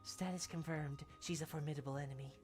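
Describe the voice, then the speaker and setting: A woman's voice: low-pitched, fairly even intonation, fast, darkish tone, soft background music, lightly acted. A woman voicing a level-headed, exasperated female game companion with a dry, formal, scolding manner. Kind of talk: video game dialogue read aloud by a streamer.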